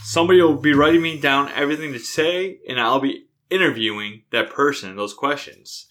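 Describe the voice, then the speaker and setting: A man's voice: medium pitch, a little fast, a bit bright. Easygoing man asking questions. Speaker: podcast co-host asking questions. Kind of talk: casual podcast chat.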